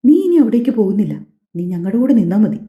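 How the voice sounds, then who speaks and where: A woman's voice: mid-range voice, expressive, brisk, lightly acted. A woman voicing a stern, protective middle-aged father who insists his daughter stay home, in an audio story. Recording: echoey, slightly dull home recording.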